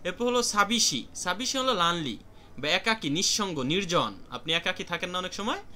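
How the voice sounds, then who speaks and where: Man, Bangladeshi accent, online language teacher, bright tone, faint background hiss. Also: high voice, lively intonation, normal speed. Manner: explains word by word, calls on students. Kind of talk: online class vocabulary lesson.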